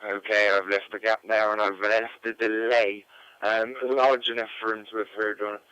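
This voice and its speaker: A man's voice: fairly low pitch, flat delivery, moderate pace, pushed and bright, smooth, no echo. A man acting as net control on an amateur radio net, talking casually with many hesitant fillers. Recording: dull lo-fi radio audio.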